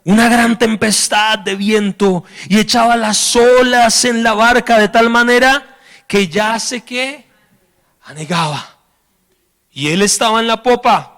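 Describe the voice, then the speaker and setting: A man preaching a sermon in a church, talking in a colloquial way and acting out the stories he tells. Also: high-pitched. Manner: colloquial, animated storytelling with acted quotes.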